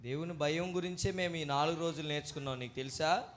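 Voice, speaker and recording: Quick-paced and on the high side, this man's voice leads a church children's puppet show, full of exclamations and questions shouted to the young audience. It's a lively back-and-forth with kids and a puppet, captured live amid a noisy children's crowd.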